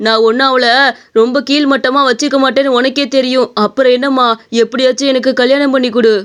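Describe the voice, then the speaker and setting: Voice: high voice, fairly even intonation, fast, fairly bright tone, clear, resonant tone. A voice actor playing a pushy thirty-five-year-old male shop owner in a cartoon story, coaxing and insistent. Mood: persuading. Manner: wheedling, persistent.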